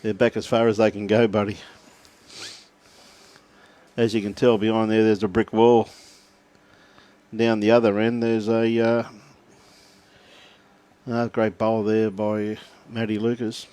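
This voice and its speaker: Measured and smooth, with long pauses, this Aussie commentator calls a lawn bowls game in a fairly low, level, mellow voice. He keeps things chatty, cracking jokes, laughing frequently and sharing messages sent in by viewers.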